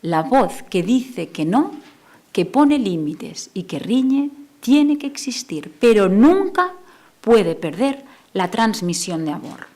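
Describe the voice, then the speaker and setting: A woman speech therapist, Catalan native, giving a conference talk, moving between a soft lowered voice and emphatic bursts. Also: sing-song, takes it slowly. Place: lecture hall.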